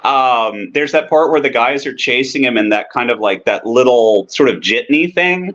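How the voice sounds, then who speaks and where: A man co-hosting a movie podcast, chatting casually and enthusiastically in a rambling, halting way with repeated words. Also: mid-range voice, animated, fairly bright tone, highs cut off. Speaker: film podcast co-host. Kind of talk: casual chat about cult movies.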